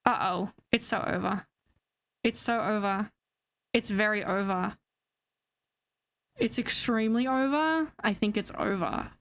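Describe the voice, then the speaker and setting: A woman's voice: medium pitch, steady tone, unhurried, fairly bright tone. A young adult woman streamer in a live-stream gaming chatter, giggly and playfully melodramatic.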